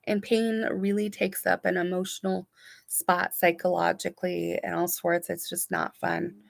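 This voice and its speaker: A woman reading viewer comments aloud on a casual live stream from her room at home, answering each one warmly and softly. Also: fairly low pitch, little pitch movement, a little slow, vocal fry, no echo, clean studio sound. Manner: warm, chatty, reads comments aloud and responds softly. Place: home room with curtains and sunlight.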